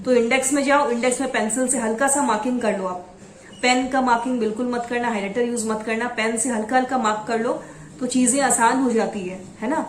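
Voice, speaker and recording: A woman from Assam teaching exam preparation, reading out headings slowly and then explaining them. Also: a little high, fairly even intonation, echoey room, slight background noise. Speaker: law exam tutor. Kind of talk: exam coaching lesson.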